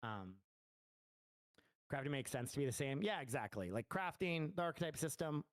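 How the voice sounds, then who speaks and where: A man's voice: on the high side, lively intonation, normal speed, no echo. Man rambling casually in a dry Q&A. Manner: loose and rambling, full of fillers and restarts. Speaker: game studio founder answering community questions. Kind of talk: casual livestream Q&A.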